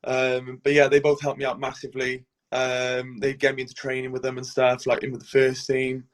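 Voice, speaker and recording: This guest is a goalkeeper from Wales, a man in his twenties whose Cardiff accent colours his mid-range voice. He talks fairly quickly and keeps things laid-back, filling his interview answers with lots of "um"s and the odd "and stuff."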